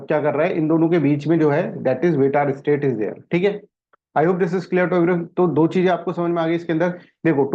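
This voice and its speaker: A male teacher giving an exam-prep lecture, explaining in Hindi and English, often asking whether everyone understands, and reading English notes slowly. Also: a little high, a little mellow. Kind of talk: classroom lecture. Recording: dull lo-fi audio.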